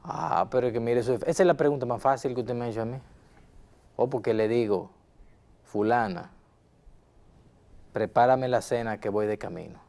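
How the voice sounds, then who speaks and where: A man acting as a quick-tempered husband sits in a counseling session and keeps pressing his points. He repeats himself and speaks to the counselor with formal respect. His voice is mellow and warm, at a middling pitch. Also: close to an everyday voice. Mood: insistent. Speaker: counseling client. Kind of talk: role-played counseling session.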